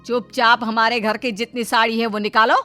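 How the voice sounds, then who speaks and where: A woman voicing a stern, sharp-tongued middle-aged mother-in-law in an animated story, scolding with cutting retorts. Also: on the high side, unhurried, soft background music.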